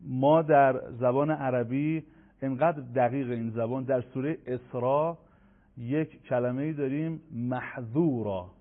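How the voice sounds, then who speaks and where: A man teaching Quran recitation on a radio lesson, explaining step by step and drawing out sounds slowly to demonstrate them. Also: mid-range voice, fairly even intonation. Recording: phone-like radio broadcast.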